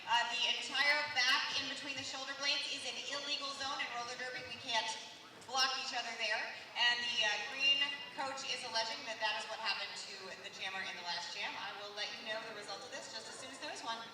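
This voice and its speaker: A woman announcer calmly explaining a referee review over a venue PA, heard from far off. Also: fairly high pitch, fast. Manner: calm, explanatory. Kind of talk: public address announcement. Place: indoor sports venue. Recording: distant voice, echoey arena, crowd noise. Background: crowd noise.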